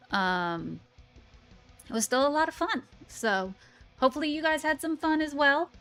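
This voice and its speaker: A tired woman game streamer chatting casually and rambling with fillers as she wraps up her live stream. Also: mid-range voice. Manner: relaxed, rambling, many fillers.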